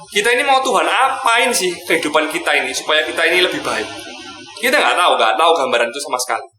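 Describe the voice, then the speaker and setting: A man teaching from scripture in a loose, conversational way, tagging his sentences with a short filler. His voice sits a little high. The room rings with echo, and music plays clearly behind him. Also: fast talker. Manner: relaxed, repeats "gitu ya" often. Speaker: Bible teacher. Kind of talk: casual Bible teaching.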